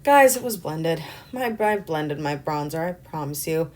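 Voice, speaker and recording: Animated and darkish in tone, a young woman with a slightly low voice voices a casual makeup tutorial as a beauty vlogger. Her chat is rambling and full of ums, and she keeps poking fun at herself.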